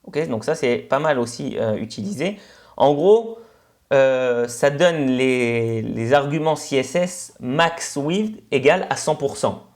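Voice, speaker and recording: In a screencast coding lesson, a male instructor with a Senegalese French accent explains things step by step at an ordinary middle pitch. His manner is relaxed and chatty, and he often pauses on "ok" and "euh."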